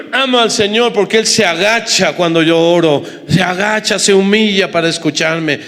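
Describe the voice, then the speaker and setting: High-voiced pastor preaching. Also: male voice, moderate pace, a bit bright. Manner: emphatic, repetitive, joking asides to the congregation. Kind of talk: sermon. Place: church hall with congregation. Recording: reverberant church hall.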